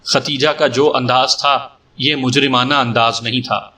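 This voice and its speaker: A man narrating a story in a measured, steady reading style. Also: mid-range voice, distant mic.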